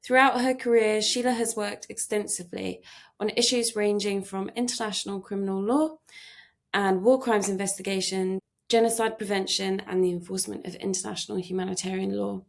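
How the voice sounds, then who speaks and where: Female podcast host, gravelly, measured interviewer who hedges her questions. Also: mid-range voice, steady tone. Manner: reads a formal introduction, then asks questions with hedging restarts.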